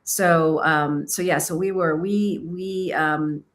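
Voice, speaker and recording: A woman from Kentucky talks through her work as a filmmaker and author in a casual interview. Her voice sits a little low, and she is reflective and self-deprecating, pausing and hunting for the right phrase. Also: fairly even intonation. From Kentucky, United States. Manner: thoughtful, self-deprecating, searching for words.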